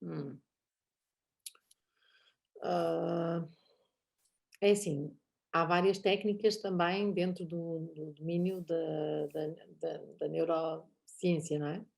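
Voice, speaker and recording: A middle-aged woman with a European Portuguese accent speaks as a guest in a casual online talk. Her voice sits a little low, and she laughs easily as she acts out snippets of conversation. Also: slow, vocal fry, long pauses. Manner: animated, laughs often, acts out quoted dialogue.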